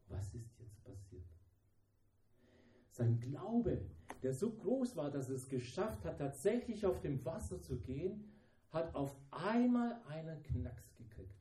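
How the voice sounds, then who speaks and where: Mann, Predigt, dramatisch, tiefe warme Klangfarbe, Hall im Raum. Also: male voice, medium pitch. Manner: dramatic, acts out the disciples' voices. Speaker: preacher. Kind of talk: sermon.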